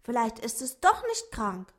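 A woman voicing a kind young boy in a children's story, speaking up brightly. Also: on the high side, big pitch swings, a little slow, heavily acted. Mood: relieved.

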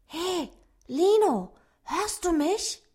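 Woman doing a tiny eager dwarf with a high voice. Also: animated, very slow, dark tone, exaggerated voice. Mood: calling out. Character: tiny kind helpful male dwarf.

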